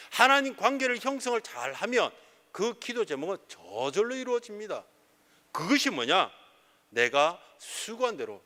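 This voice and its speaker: A middle-aged male pastor preaches with a bright, forceful voice that sits a little high. His delivery swings widely in pitch as he fires off rhetorical questions and answers them himself. The sound carries a long reverb from the church hall. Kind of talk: sermon. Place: church sanctuary.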